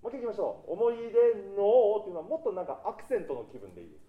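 Animated male choir conductor, echoey room. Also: high-pitched, very fast, dull audio. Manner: encouraging, sings phrases to demonstrate. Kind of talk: choir rehearsal coaching.

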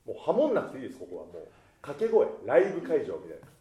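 A man leading a choir rehearsal, giving instructions in an animated way and breaking into sung demonstrations. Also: medium pitch, very fast, roomy sound, slight background noise. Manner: animated, sings demonstrations mid-sentence. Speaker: choir conductor.

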